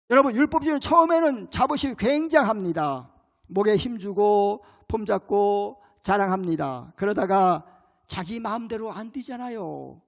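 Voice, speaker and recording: A man's voice: high voice, vocal fry, in a large hall. A male pastor delivering a sermon in an emphatic way, putting rhetorical questions to his congregation.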